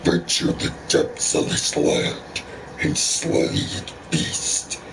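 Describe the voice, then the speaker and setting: A man voicing an ancient demonic beast hunter from a video game, with a super deep, growling, possessed voice and a menacing, solemn, drawn-out delivery. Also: far from the mic, noisy background. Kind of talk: video game character dialogue read aloud.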